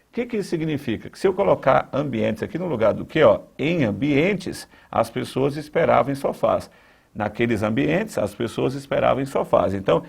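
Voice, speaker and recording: A man with a Brazilian Portuguese accent teaches grammar in an exam-prep lesson. His medium-pitched voice is creaky and a little mellow, with a breathy edge. He repeats key points with emphasis and speaks straight to the viewer.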